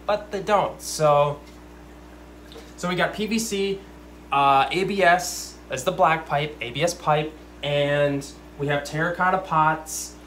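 A man's voice: a little high, slow, fairly bright tone, a little hiss or hum. Rambling young man in a fish room. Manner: rambling, self-aware, ranty asides. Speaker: aquarium channel host. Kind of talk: casual livestream chat. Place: fish room with lit aquariums, indoors. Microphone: desk camera at close range.

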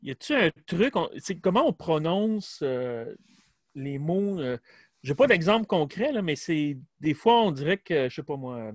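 A man's voice: on the high side, sing-song, measured pace, no room sound, clean studio sound. A man asking his teacher a question in class, informal and hesitant, with a Québécois French accent. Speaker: student.

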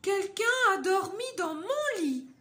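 A woman's voice: very high voice, big pitch swings, takes it slowly, fairly bright tone, voice pushed up, heavily acted. A woman voicing a fussy mother bear in a read-aloud storybook, complaining in a raised, sing-song way. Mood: offended.

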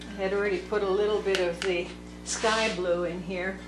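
A woman teaching watercolor, thinking aloud slowly as she paints at a table. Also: mid-range voice, little pitch movement. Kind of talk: unscripted painting tutorial narration. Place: indoor table workspace. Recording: echoey room with background music. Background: soft instrumental music.

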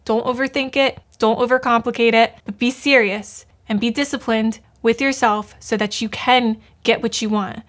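A woman's voice: fairly high pitch, steady tone, moderate pace, hardly any pauses, a bit bright. A young woman giving a blunt, fired-up motivational talk to camera, swearing freely. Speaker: YouTuber giving motivational advice.

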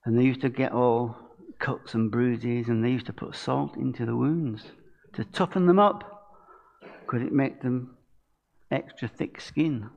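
Standing at a lectern on a church hall stage, an older preacher from England delivers a relaxed sermon, talking with the congregation and asking them questions. He speaks a bit slowly in a medium-pitched, creaky, somewhat dark voice, and the recording has its highs cut off.

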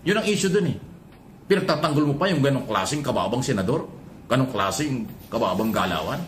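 A man's voice: medium pitch, lively intonation, fairly quick, a little hiss or hum. A man making heated public remarks, speaking in an accusatory, scolding way.

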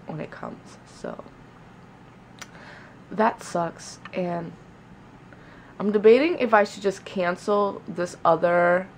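A young woman vlogs casually from a small bedroom by a window, muttering to herself and swearing as she works. Her voice is lowish, recorded on a camera held close, with slight background noise.

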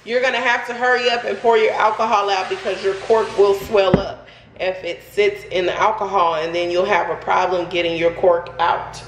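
Woman, casual chatty narration, nervous and excitable, home kitchen, phone camera, echoey room. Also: mid-range voice, normal speed. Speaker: vlogger, narrator of the demo. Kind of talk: casual home how-to chat. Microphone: handheld phone camera. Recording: echoey kitchen, faint noise.

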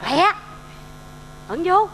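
A woman's voice: very high voice, animated, extremely slow, fairly bright tone, slight background noise, heavily acted. A woman with a Southern Vietnamese accent playing a forgetful, fussy old mother in a stage comedy sketch, talking in a flustered, scatterbrained and doting way. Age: older. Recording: reverberant stage with faint music.

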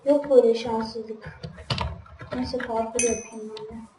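Woman host doing casual game commentary to viewers; quick to complain, recorded distant in an echoey room. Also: a little high, fairly even intonation. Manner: grumbling, easily frustrated, talks straight to viewers. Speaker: gaming channel host. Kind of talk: casual let's-play commentary. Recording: roomy, distant mic with background noise.

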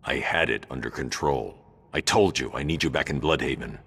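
Batman, a gravelly, deep grim vigilante. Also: brisk, fairly bright tone, heavily acted. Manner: terse, commanding, grim. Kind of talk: video game voice acting.

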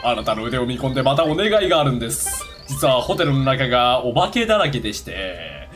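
A man's voice: mid-range voice, big pitch swings, a little fast, fairly bright tone, soft background music, pitched below the performer's own voice. A man voicing a fretful male hotel owner in a video game, overly polite and coaxing.

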